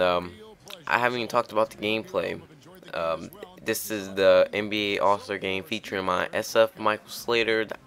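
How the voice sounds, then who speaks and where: Young male host, deep and bright, relaxed and rambling. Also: smooth. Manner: rambling, chatty, with frequent restarts. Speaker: gaming channel host. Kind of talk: casual gameplay commentary.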